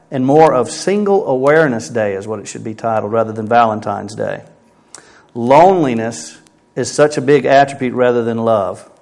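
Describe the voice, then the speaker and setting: Male pastor preaching at a pulpit microphone. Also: mid-range voice. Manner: emphatic, asks rhetorical questions. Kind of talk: sermon.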